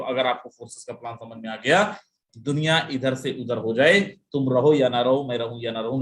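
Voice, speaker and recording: This man's voice sits in the mid range. He is presenting a live sales webinar with plenty of emphasis and rhetorical questions, mixing in English phrases and addressing listeners as "my friend."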